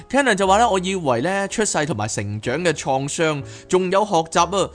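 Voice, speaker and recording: A man reads a book aloud as podcast host and breaks off into animated, chatty asides. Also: high-pitched, moderate pace, soft background music. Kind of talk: reading a book aloud with commentary.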